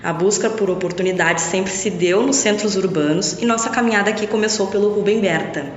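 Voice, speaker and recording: A woman's voice: medium pitch, brisk, slight background noise. A young woman from Brazil, a podcast guest, talking reflectively about her studies and often adding little tag questions. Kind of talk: casual interview talk. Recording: echoey long-reverb lo-fi room.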